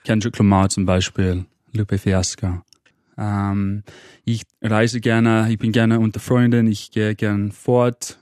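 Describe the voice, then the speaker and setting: A man in his thirties from England, with English as his first language, speaking German as a studio guest in an energetic, halting way, stopping to search for words. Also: on the low side, no echo. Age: 30s. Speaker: guest, motivational trainer. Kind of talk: interview answers. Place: radio studio.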